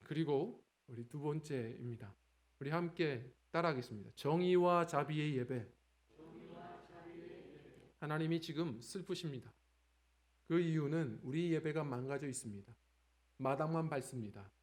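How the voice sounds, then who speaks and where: A man in his forties, pastor of a church, preaching a Sunday sermon with lively, conversational storytelling. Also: fairly high pitch, moderate pace. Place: church sanctuary.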